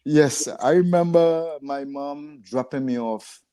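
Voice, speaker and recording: This podcast guest is a retired rehabilitation director, an older man with a Trinidadian accent who hails from San Fernando in the south. He tells stories casually and chuckles often, speaking slowly in a slightly high, mellow, clear and resonant voice.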